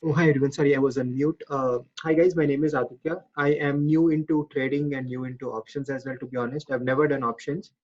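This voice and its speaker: A man's voice: medium pitch, fairly even intonation, fast talker, hardly any pauses, darkish tone. Guy on a conference call, kinda muffled lo-fi audio, candid and hedgy, keeps saying to be honest. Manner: candid, hedging, repeats "to be honest". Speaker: seminar attendee. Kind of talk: casual self-introduction. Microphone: computer mic on an online call.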